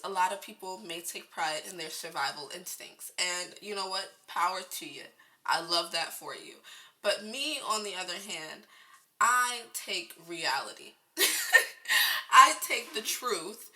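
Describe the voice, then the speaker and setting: A woman's voice: lowish voice, pushed and bright, rough recording. A young woman vlogging a comedic monologue to camera, dramatic and exaggerated, with laughing asides.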